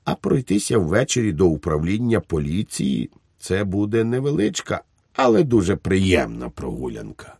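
A man's voice: low-pitched, sing-song, normal speed, vocal fry, a little mellow, slightly rough, no echo, clean studio sound, exaggerated voice. A man voicing a cheerful, simple-minded good soldier in an audiobook, eager and politely naive. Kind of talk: audiobook character voice.

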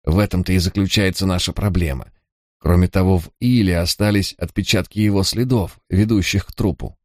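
A man's voice: sits low, fairly even intonation, brisk, dry recording, clean studio sound. A man voicing a cautious village priest who speaks carefully and persuasively. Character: cautious male village priest, middle-aged.

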